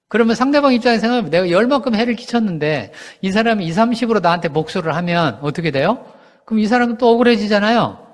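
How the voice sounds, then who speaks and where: A man's voice: high voice, big-room sound. A male pastor preaching a conversational sermon, asking the congregation questions and answering them himself, and acting out quoted lines. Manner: acts out quoted lines in lively voices.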